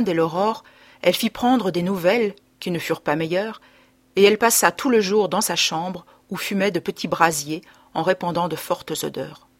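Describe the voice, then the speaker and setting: A woman narrating a classic story as an audiobook reader, clear and expressive. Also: lowish voice, dry recording. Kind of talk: scripted narration.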